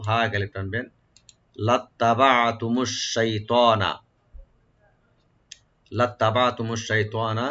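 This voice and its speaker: A man with a lowish voice teaches Quran recitation one syllable at a time. He draws out each phrase, repeats it, and explains the pronunciation rules patiently. The recording is dull and lo-fi. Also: a bit bright. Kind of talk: step-by-step tajweed lesson.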